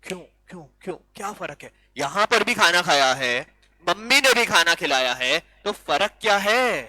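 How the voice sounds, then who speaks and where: A male law teacher giving an animated classroom lecture, full of rhetorical questions and switching into English. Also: high-pitched, moderate pace, dry recording, low-quality recording.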